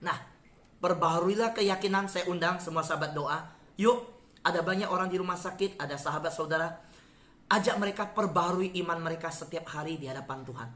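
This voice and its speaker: A man's voice: a little high, fairly quick, fairly bright tone. Earnest preacher man in an echoey room. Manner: earnest, conversational, addresses listeners as "saudara". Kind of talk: sermon with personal testimony.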